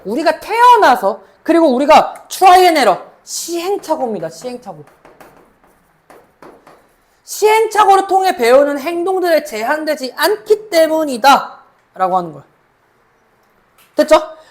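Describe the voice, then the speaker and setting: A woman lecturing as a cram school English teacher, reading English sentences slowly, then explaining them in Korean and checking in with her students. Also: sits high, big pitch swings. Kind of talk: mock exam explanation lecture.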